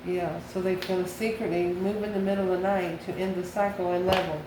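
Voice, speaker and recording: A woman who hosts a tarot channel does an informal reading aimed straight at the viewer, thinking aloud and answering her own questions. She talks fairly quickly in a lowish voice, in an echoey room with steady background noise.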